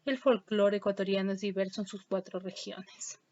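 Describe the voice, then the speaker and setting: A woman's voice: mid-range voice, level tone, normal speed, a little mellow, no echo. Lady teacher going through class questions one by one, dead dry sound, kinda muffled. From Ecuador. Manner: explains step by step, reads out questions and answers. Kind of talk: online class lesson. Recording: dull lo-fi dry audio.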